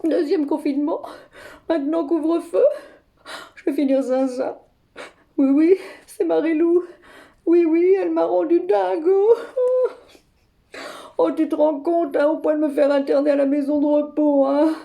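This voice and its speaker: Playing an exasperated older grandmother, a woman comic monologue performer delivers a one-sided phone call sketch, ranting with dramatic flair and ending almost every phrase with a questioning "hein". Her voice is high yet mellow and dark, with a gravelly, creaky edge. She speaks a little slowly, with fairly even intonation and long pauses.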